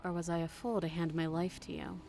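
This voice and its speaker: Gravelly, guarded captive princess. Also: female voice, lowish voice, little pitch movement, a little fast, dark tone, slight background noise. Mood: wary, vulnerable. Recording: faint music behind the voice.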